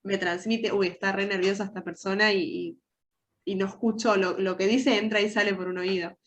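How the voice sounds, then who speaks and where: A soft-skills trainer with an Argentine Rioplatense Spanish accent teaches an online workshop, asking her audience many questions. Her mid-range voice sounds nasal and congested from a cold, with fairly even intonation at normal speed.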